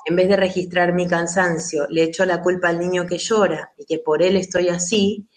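A woman's voice: fairly low pitch, steady tone, moderate pace. A woman with a Rioplatense Spanish accent, an interview guest speaking earnestly and explaining at length in a conversational way. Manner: earnest, explanatory, acts out quoted voices. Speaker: guest speaking on child rearing.

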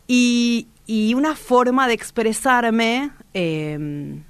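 A woman's voice: a little high, very slow, smooth, no echo. A woman radio host, giving a reflective motivational talk in a strong, powerful voice, direct and vehement with many restarts.

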